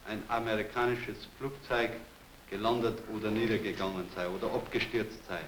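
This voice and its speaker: A man's voice: on the low side, steady tone, a little fast, fairly bright tone. A man giving testimony as a defendant in a courtroom. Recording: echoey, noisy archival courtroom audio.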